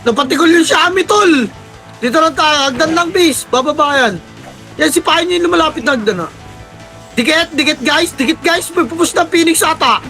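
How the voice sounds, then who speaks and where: A young man with a hoarse, cracking voice shouting quick commands and countdowns to his team during a live game, swearing often. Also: very high voice, expressive, faint music behind. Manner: barks rapid commands and countdowns, swears a lot. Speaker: team shot-caller.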